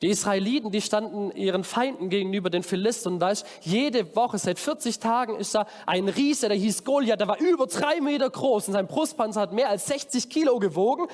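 A man preaching a lively children's sermon at a camp, energetically calling out to his young audience from a stage. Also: sits high, brisk, few pauses. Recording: long hall reverb.

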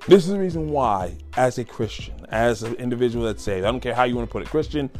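A man's voice: medium pitch, lively intonation, fast, darkish tone, faint music behind. A man giving an informal sermon, emphatic and full of rhetorical questions. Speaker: lay preacher.

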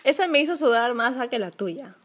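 A woman's voice: sits high, brisk, a little hiss or hum. A young woman, chatting and giggling with friends over a video call. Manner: expressive, giggly. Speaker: podcast co-host. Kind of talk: casual chat among friends.

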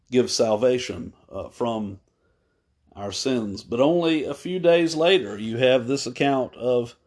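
Unhurried man preaching a sermon. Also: mid-range voice, a little mellow. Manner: unhurried, pausing with fillers and self-corrections. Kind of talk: unscripted sermon retelling.

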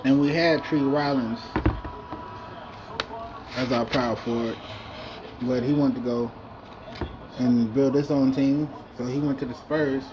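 A man's voice: mid-range voice, steady tone, unhurried, pauses often, crowd noise, low-quality recording. A man talking through a basketball video game franchise in loose, profane, rambling chat. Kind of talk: casual gameplay commentary.

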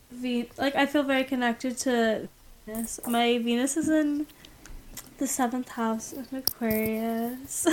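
A woman chatting casually and effusively, with halting phrases. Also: a little high. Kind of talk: casual chat.

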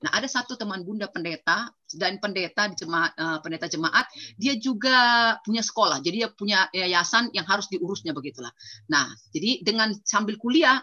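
A middle-aged woman delivers a lively sermon to young adults. She acts out the people she quotes and adds sound effects. Her voice is bright and forceful, heard through a dull, lo-fi recording. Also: medium pitch, a little fast. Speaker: preacher.

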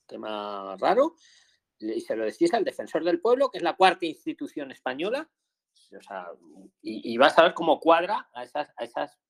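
Gravelly man with a Spain Spanish accent. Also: a little high, very animated. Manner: fast, chatty, repeats himself for emphasis. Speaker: asylum advice host. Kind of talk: live call-in Q&A.

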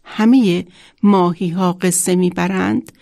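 A woman's voice: lowish voice, fairly even intonation, creaky, mellow, no echo, studio quality. A brave little tree girl, as a woman narrator voices her. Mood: eager. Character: young girl born of a tree, brave and caring.

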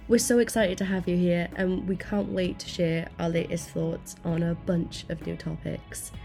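A woman's voice: fairly low pitch, little pitch movement, normal speed, gravelly, warm tone. A woman hosting a podcast, reading a scripted welcome and introduction to the show. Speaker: podcast host. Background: music with guitar.

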